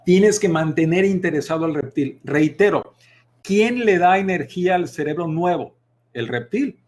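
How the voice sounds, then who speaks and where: Mexican man teaching with lively vocal variety. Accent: Mexican Spanish. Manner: deliberately varies volume, pitch and pace to demonstrate vocal technique; expressive, addresses viewers directly. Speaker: public speaking instructor. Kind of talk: live online masterclass.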